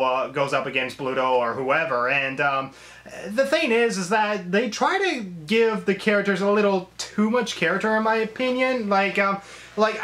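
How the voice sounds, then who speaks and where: High-voiced man rambling through a movie review. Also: sharp tone. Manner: rambling, heavy with "um" and restarts. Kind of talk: casual spoken review.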